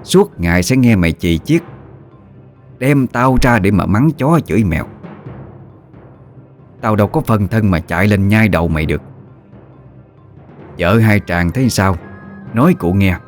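A man voicing a stern old woman, a family elder who gives slow, commanding orders in a spoken story. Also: fairly low pitch, animated. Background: faint music.

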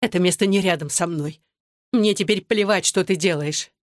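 A reader voicing an adult woman, a betrayed wife, shouting and bitter through tears in an audiobook. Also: mid-range voice, moderate pace, dry recording, clean studio sound, natural voice. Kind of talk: audiobook narration.

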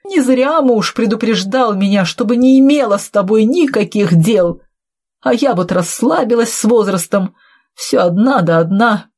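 A woman's voice: mid-range voice, a little mellow, husky. Woman playing a fierce, scornful old woman. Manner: scornful, scolding.

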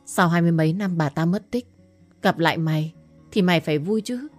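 A woman voicing a young woman who is the blunt, worried best friend, talking fast and scolding. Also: fairly low pitch, faint music behind, lightly acted.

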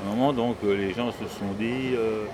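A man, a singer-songwriter guest, talking in a casual radio conversation, animated, opinionated and a bit cynical. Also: fairly low pitch, fairly quick. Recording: busy crowd noise behind.

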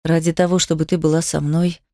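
A woman voicing a tender, brooding young stepbrother in a murmuring, lowered voice, in a romance audiobook. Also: little pitch movement, a little fast, dark tone, no echo, clean studio sound.

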